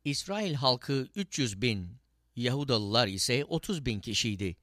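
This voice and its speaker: A man's voice: mid-range voice, expressive, measured pace, fairly bright tone, no echo, studio quality. A man reading a Bible passage aloud as scripted narration, lifting his voice for the quoted speech. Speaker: Bible reader.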